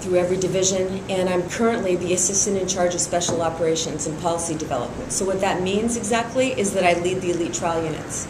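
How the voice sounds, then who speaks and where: A middle-aged woman born in Iran and raised in San Francisco is interviewed for an endorsement as a district attorney candidate. Her fairly low voice holds a steady tone at a quick pace with few pauses, and she uses frequent fillers. The recording is reverberant, with background noise.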